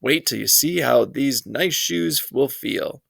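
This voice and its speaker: A man playing a patient, friendly shoe salesman in a storybook, slow and coaxing as he talks to a child. His voice lifts above its plain low register and keeps a gravelly grain, recorded dry and close. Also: fairly bright tone, dry recording, heavily acted.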